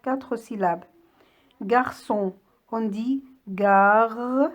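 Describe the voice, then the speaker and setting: A woman teaching a children's reading lesson in a slow, deliberate voice. She sits a little high in pitch and lays out each word patiently, breaking it into syllables for young pupils. It sounds like a voice-over. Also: darkish tone. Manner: patient, clearly spelled-out words for young children. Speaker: primary school teacher. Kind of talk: slow classroom lesson read-aloud.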